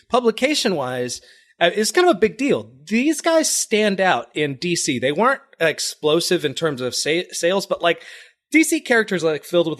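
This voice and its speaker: A fairly high-voiced man talking casually on a comics podcast. He is chatty, explains things at length and breaks into laughs. His delivery is relaxed and conversational. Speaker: podcast co-host.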